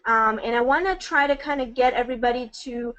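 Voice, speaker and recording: A woman's voice: fairly high pitch, fairly quick, a bit bright, no room sound, dull audio. A woman co-hosting a webinar, presenting a topic over a call with many ums and uhs. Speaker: webinar co-facilitator.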